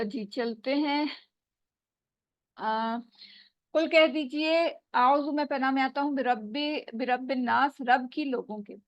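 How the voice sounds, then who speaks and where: A woman's voice: high voice, dry recording. A woman teacher giving an online lesson over a bad connection that keeps cutting her voice out, patiently quizzing students word by word. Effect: voice cutting out over a bad call connection. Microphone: video call. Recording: dull dry online call audio.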